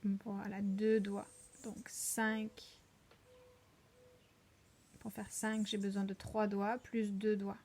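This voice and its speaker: A kindergarten teacher gives young children a lesson on home video, slowly and patiently counting aloud and repeating words. Her mid-range voice is monotone and a little mellow.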